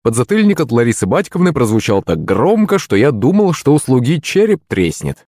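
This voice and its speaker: A man's voice: mid-range voice, sing-song, brisk, dark tone, no echo, studio quality. A man narrating a fantasy audiobook in the first person.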